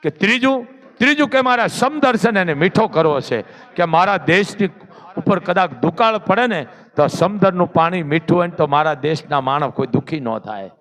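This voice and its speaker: A man telling a devotional story in an animated, dramatic, lecturing way. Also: sits high, moderate pace. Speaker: religious storyteller.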